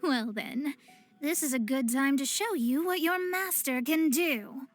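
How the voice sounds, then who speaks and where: An actress voices a proud young female astrologist in an anime-style video game, lecturing smugly in lofty, formal, archaic, theatrical phrases. Her voice is high and animated, her delivery a little slow, with faint music behind her.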